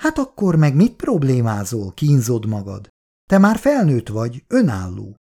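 A reader voicing Icu, a lively and outspoken young woman in a storybook reading. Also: very deep voice, exaggerated voice. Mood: urging.

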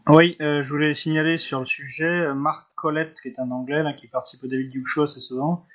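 A man's voice: fairly high pitch, fairly even intonation, brisk. A man in a casual podcast discussion, explaining things hesitantly and politely. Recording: dull lo-fi audio.

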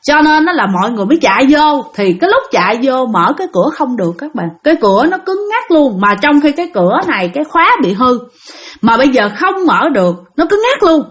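A woman's voice: high-pitched, fast talker. A woman with a Southern Vietnamese accent, chatting to her listeners as she retells ghost stories sent in by them. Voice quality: lively, dramatic retelling with chatty asides to listeners. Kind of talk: casual spoken storytelling.

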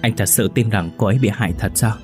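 A man reading the lines of a decisive young office woman on the phone, firm and brisk. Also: lowish voice, over music, lightly acted.

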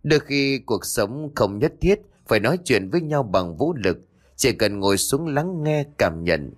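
A man narrating a ghost story in a dramatic, expressive way. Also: medium pitch, a little slow.

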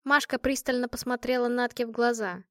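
A woman reading an audiobook in an even, unhurried narrating manner. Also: fairly high pitch, no room sound, studio quality. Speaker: audiobook reader.

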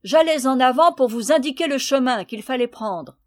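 A woman's voice: sits high, lively intonation, moderate pace. A woman reading the part of a boastful, touchy boy who answers indignantly. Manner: indignant, defensive.

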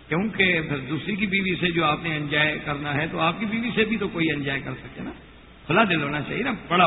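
Male preacher, high voice, rhetorical and emphatic, tinny hall recording. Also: a little hiss or hum. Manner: rhetorical, swings from quiet asides to loud emphatic declaring; chants Quranic verses in Arabic. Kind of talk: sermon. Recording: echoey hall on a tinny lo-fi line.

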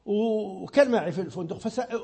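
A middle-aged Moroccan man teaching Islamic law in a religious lesson. His voice sits high for a man and has a husky grain. He explains patiently, often repeating a word while he searches for the next one. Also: a little fast, warm tone.

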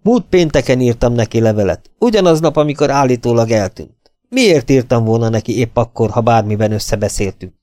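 A man's voice: mid-range voice, animated, a little mellow, no echo, studio quality, voice pushed up, lightly acted. A man voicing a cautious, defensive young man who protests his innocence.

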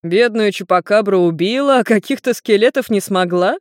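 A woman's voice: medium pitch, normal speed, darkish tone, no echo, studio quality, natural voice. A woman voicing a carefree, joking male demon who is centuries old, in a storybook reading. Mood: breezy. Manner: breezy, joking, scatterbrained.

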